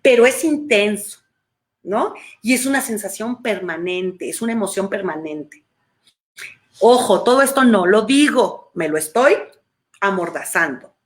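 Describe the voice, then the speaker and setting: A middle-aged woman with a Mexican accent giving an animated, conversational talk on emotions, often restarting her phrases. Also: medium pitch, measured pace. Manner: animated, acts out quoted voices, frequent restarts. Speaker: speaker on emotions.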